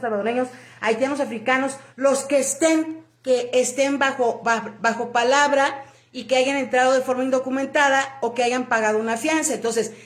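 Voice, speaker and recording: A woman from Mexico talks through an opinion monologue, pressing her points with rhetorical questions and frequent fillers. Her voice sits high, and the room around her is echoey. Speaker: immigration commentator.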